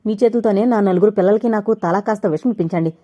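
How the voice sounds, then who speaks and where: A bitter young wife and mother of four scolds her drinking husband, shrill and close to tears, as a woman narrator puts her on. Her voice climbs higher and louder than the narration. The tone stays mellow underneath, as in an audio novel. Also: fast, lo-fi sound, close to an everyday voice. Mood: angry, tearful.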